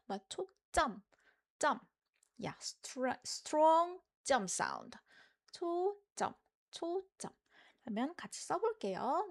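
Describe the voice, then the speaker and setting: A woman with a Korean accent, a native Korean speaker, teaching a live-streamed language lesson and repeating words slowly for learners. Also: a little high, a little mellow.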